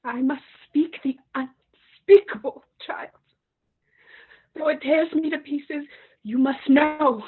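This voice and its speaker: A woman's voice: high voice, fairly even intonation, slow pace, long pauses, phone-quality sound. An actress playing an old widowed queen turned slave, lamenting with crying in her voice. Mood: fearful. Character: old widowed enslaved queen, grief-stricken. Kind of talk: stage play reading.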